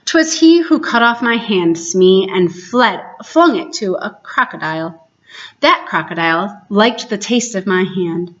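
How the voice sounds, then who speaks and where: A woman's voice: medium pitch, lively intonation, a little slow, lo-fi sound, lightly acted. A woman voicing a mean, vengeful storybook pirate captain haunted by fear, with grave old-fashioned diction. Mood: brooding, fearful.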